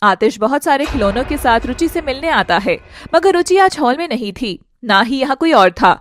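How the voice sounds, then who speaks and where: Expressive woman narrating a drama. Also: high-pitched, moderate pace.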